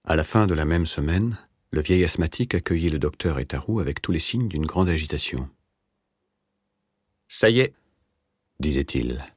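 A man reading a novel aloud as narrator, in a measured, even literary delivery. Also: very deep voice, breathy edge, no room sound, studio quality. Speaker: audiobook narrator.

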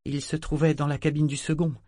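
An earnest young boy explains things gravely and carefully, voiced by a man reading a novel. The voice is lifted somewhat above the reader's own. The reading is dry and close to the mic. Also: on the high side, flat delivery, brisk, dark tone, dry recording, voice pushed up, natural voice.

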